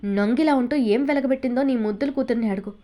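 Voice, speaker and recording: A woman's voice: a little high, fast talker, dark tone, lightly acted. A woman voicing a cruel, sarcastic middle-aged aunt in a storybook reading. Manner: sarcastic, harsh.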